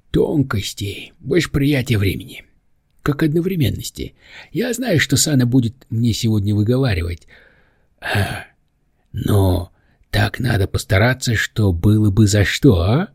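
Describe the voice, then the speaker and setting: A man voicing a small, mischievous male demon who talks in a high, squeaky, excitable way in an audiobook. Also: takes it slowly, creaky, husky, no echo, studio quality, exaggerated voice. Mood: teasing.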